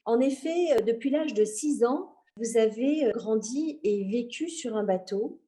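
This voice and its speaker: A woman's voice: fairly high pitch, lively intonation, measured pace, dark tone. A woman hosting an interview podcast, asking polite, formal questions. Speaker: podcast host.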